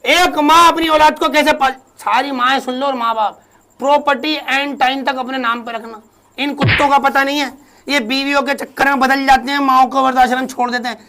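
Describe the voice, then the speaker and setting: A man's voice: very high-pitched, fairly even intonation, fairly quick, bright, forceful tone, full character voice. A man playing a wealthy, fierce old mother-in-law in a comedy sketch, scolding and pleading melodramatically. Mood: furious.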